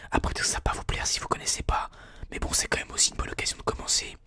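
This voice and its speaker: Sharp in tone and quick in pace, a person hosting ASMR gameplay whispers hesitant, casual commentary as they think aloud right up against a binaural mic, the way a video game streamer would.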